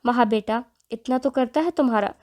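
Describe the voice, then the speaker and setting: A woman reading the part of a patient middle-aged mother-in-law in an audio novel, calm and coaxing. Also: on the high side, natural voice.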